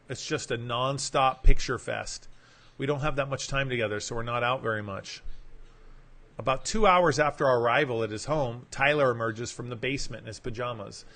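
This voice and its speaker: A man's voice: mid-range voice, fairly bright tone. A podcast host reading a magazine article aloud, adding casual asides of his own. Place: home setup, broadcasting live.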